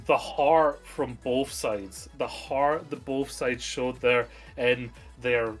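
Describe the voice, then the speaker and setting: A man's voice: medium pitch, fairly even intonation, takes it slowly, faint music behind. A man co-casting an esports match, gushing enthusiastically about the close game that just ended. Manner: enthusiastic, gushing recap of the play. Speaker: esports co-caster. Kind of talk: live esports commentary.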